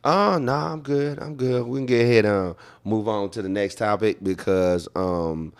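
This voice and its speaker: A laid-back man from Zimbabwe co-hosting a casual podcast, with a fairly low voice. He talks in loose, repetitive runs full of fillers. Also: normal speed, clear, resonant tone. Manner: laid-back, repeats himself, many fillers. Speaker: podcast co-host.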